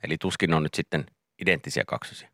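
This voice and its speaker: A man co-hosting a morning radio show in a studio, relaxed and chatty, reading out listener messages. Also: rumbling low, no room sound. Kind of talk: casual radio banter.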